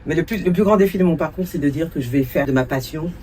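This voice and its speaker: This deep, darkish voice moves fast and sits far from the mic, with a little hiss or hum behind it. It belongs to a woman in her forties raised in France, a cultural entrepreneur and producer giving thoughtful interview answers full of hesitations and sprinkled with English words.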